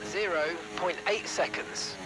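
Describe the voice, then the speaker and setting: An actor voicing a race engineer in a racing game, giving brief, clipped instructions over pit radio. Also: male voice, fairly high pitch, very animated, unhurried. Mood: businesslike. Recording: loud car engine noise behind.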